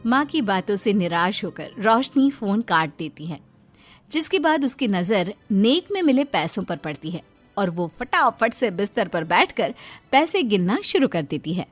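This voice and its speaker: A woman narrating a scripted cartoon story in an expressive storytelling manner. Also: medium pitch, unhurried, faint music behind.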